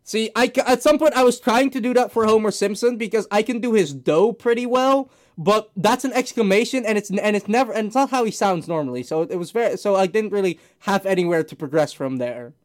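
High-voiced young man rambling casually. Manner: rambling, halting, restarts and filler words. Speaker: podcast host. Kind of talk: casual chat among friends.

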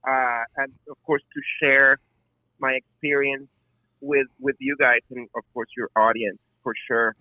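A man's voice: medium pitch, level tone, measured pace, no room sound. A man, chatting in a friendly way as a podcast guest. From Colombia. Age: 40s. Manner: friendly, leans on stock phrases like "of course". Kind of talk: casual interview talk. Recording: dull lo-fi sound.

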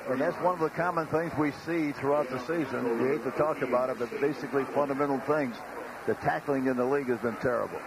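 A man's voice: mid-range voice, fast, creaky. An American man giving conversational, plain-spoken analysis as a color commentator on football. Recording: noisy stadium radio broadcast. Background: loud stadium ambience and noise.

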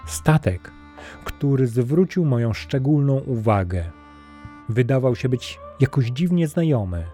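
A man tells a fairy tale in a calm, even storybook voice. His tone is dark and mellow, pitched in an ordinary middle range, with soft music faintly under it. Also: a little slow. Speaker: audiobook narrator. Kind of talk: scripted storybook narration.

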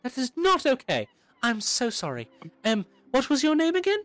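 A man voicing an overwhelmed elderly half-elf woman teacher, flustered and high-voiced. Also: huge pitch swings, moderate pace, fairly bright tone, full character voice.

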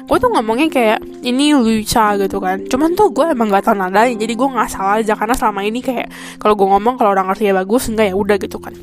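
A woman's voice: medium pitch, fast talker, faint music behind. A young woman from Indonesia hosting a podcast, telling a story in a casual, chatty way full of fillers. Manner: chatty, full of fillers like "kayak" and "gitu kan". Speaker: podcast host. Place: a room in Taiwan.

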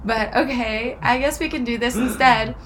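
Higher-voiced young woman, casual podcast storyteller. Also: normal speed, a bit bright. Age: young adult. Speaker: podcast co-host. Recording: faint background noise.

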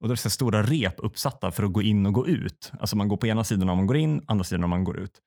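A man telling a comic story in a deadpan way, acting out other people in quick quotes. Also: fairly low pitch, vocal fry. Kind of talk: comedic storytelling chat.

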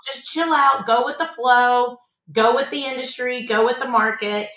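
Insurance agency lady guesting on a podcast, earnest and pep-talky, bright voice, roomy echo. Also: on the high side, normal speed. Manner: earnest, motivational, repeats words when starting a thought. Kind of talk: casual interview chat.

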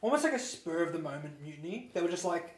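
A man's voice: a little high, expressive, fast talker, over a noisy crowd. A man casually recounting anecdotes, informally quoting what people said. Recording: echoey room with faint noise.

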